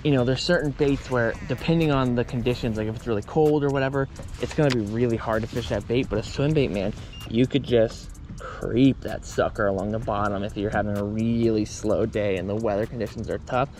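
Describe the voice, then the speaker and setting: Man, laid-back, casual fishing talk, outdoors on a boat, action-camera audio, clear background noise. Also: medium pitch, brisk, a little mellow. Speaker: fishing guide explaining lures. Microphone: action camera on the body.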